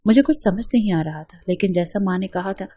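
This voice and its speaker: A woman narrates a first-person story at a steady, even pace. Her voice is mellow and soft and has a husky, breathy edge. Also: mid-range voice, dry recording, clean studio sound.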